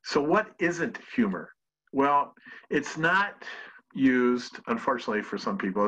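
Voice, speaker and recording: Chatty man presenting on humor, raspy. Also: medium pitch, bright, forceful tone. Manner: chatty, self-deprecating, with many fillers and restarts. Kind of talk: casual presentation talk. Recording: dull lo-fi audio.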